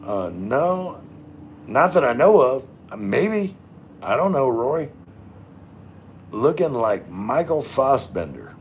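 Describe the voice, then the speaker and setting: A middle-aged livestream host reads viewer comments aloud and answers them, rambling informally and now and then swearing. His medium-pitched voice is sing-song and slow, with long pauses, and there's a little hiss or hum.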